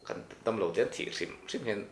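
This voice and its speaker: A man who is a psychiatrist, a guest on a faith talk show, explaining things in a calm, measured way. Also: reverberant, slight background noise.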